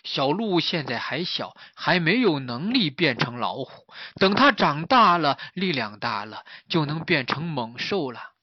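A soft-spoken, weepy tiger mother who is secretly a mountain spirit, voiced by a man reading a storybook. She explains herself gently and quietly, her voice rising and dipping, heard dry and a little dull. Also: fairly high pitch, very animated, a little slow, husky, no room sound, heavily acted. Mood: gentle.

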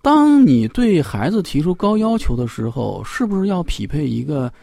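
Man, parenting expert guest, husky gravelly voice, dry close sound, filler-heavy explaining. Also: fairly high pitch, very animated, normal speed, warm tone, no echo. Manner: explanatory, with many fillers and repeated phrases. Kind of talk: radio parenting talk.

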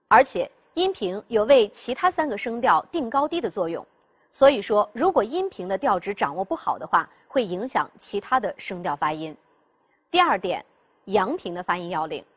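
Her voice sits a little high and has a breathy edge. In a classroom-style pronunciation lesson, she walks through each step, poses rhetorical questions to the class, and models the sounds aloud.

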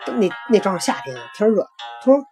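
A woman's voice: medium pitch, very animated, quick pace, over music. A woman with a Beijing accent hosting a casual history storytelling talk, acting out quotes as she retells. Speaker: host.

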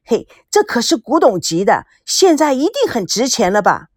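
A woman's voice: on the high side, normal speed, slightly rough, no room sound, studio quality. A woman voicing a spoiled, chatty teenage granddaughter who wheedles and teases. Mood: excited chatty. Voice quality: bright, coaxing, lively.

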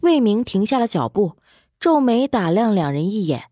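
A woman narrating a serialized novel in an expressive storytelling manner. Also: mid-range voice, normal speed, no echo, clean studio sound. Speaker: audiobook narrator.

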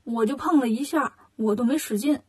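A woman voicing a clever, cocky monkey king in a storybook reading, speaking briskly and teasingly. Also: fairly high pitch, husky.

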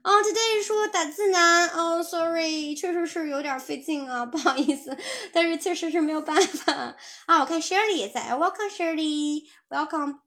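In a live-streamed English lesson, a woman chats and encourages viewers as she answers their messages, reading out chat replies with laughs. Her voice is very high and sharp in tone, at a normal speed.

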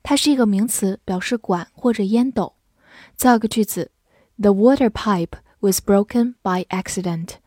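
A woman teaching English vocabulary, who spells out words letter by letter and reads example sentences slowly. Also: medium pitch, warm tone, no room sound, clean studio sound. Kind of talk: vocabulary lesson.

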